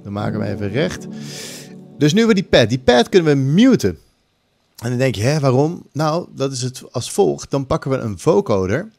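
A middle-aged man teaches music production in an informal screen-recorded tutorial from a small home room, tossing in English phrases. He speaks at normal speed in a sing-song, creaky, darkish mid-range voice, right up on a boom-mounted large condenser mic, as music loops play.

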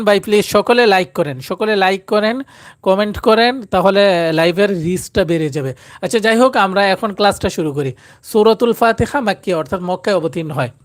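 High-voiced man teaching recitation. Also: no echo, studio quality. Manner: pleads for likes and shares. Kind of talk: live-streamed lesson.

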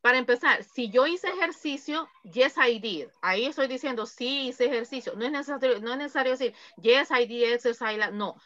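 A woman's voice: on the high side, a bit bright, no room sound, dull audio. Woman, English teacher, patient explaining, dry close sound. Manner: patient, explains slowly, repeats examples. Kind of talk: online class instruction.

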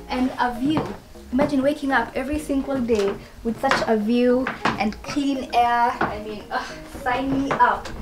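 Girl doing a chatty house tour vlog, bright and bubbly, music playing under her. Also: a little high. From Kenya. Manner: bubbly, chatty, laughs often. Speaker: vlogger, channel host. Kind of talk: casual travel vlog tour. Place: treehouse holiday rental, partly outdoors.

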